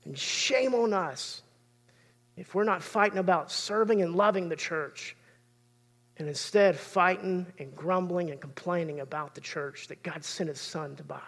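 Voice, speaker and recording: A man's voice: sits high, a little slow, a bit bright. A man, preaching a sermon as pastor in an earnest, conversational way.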